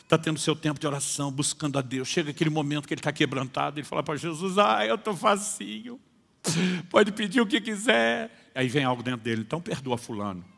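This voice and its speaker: A male pastor preaching a sermon, telling stories and acting out dialogues, moving between hushed and loud delivery. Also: mid-range voice. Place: church conference hall. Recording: long hall reverb.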